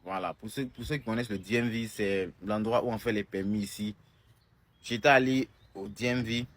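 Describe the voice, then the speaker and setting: This young Ivorian man has a fairly low voice and speaks at a moderate pace in a steady tone. A content creator with an Ivorian French accent, he answers a comment in a casual video, stressing his points and frequently restarting or repeating phrases.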